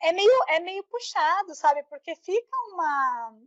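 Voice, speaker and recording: A Brazilian woman with a notably high voice talks in an easy, emphatic podcast chat. Her sound is dry and close, with a somewhat dull, lo-fi quality. She keeps tossing in little tag questions as she talks. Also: animated, unhurried, no echo. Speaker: podcast co-host. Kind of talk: casual conversational chat.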